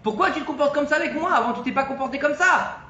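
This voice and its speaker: A man's voice: very high-pitched, quick pace, pushed and bright, roomy sound, pitched above the performer's own voice. A man voicing a poor rabbi, a father of seven who pleads emphatically with a stranger. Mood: pleading.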